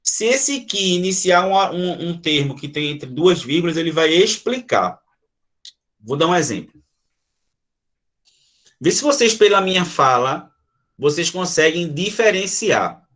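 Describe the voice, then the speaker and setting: A man's voice: a little high, animated, unhurried, pauses often, a bit bright. A man teaching a grammar lesson to a class, checking in with the students and restating his examples. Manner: checks in with listeners, often adding "tá?".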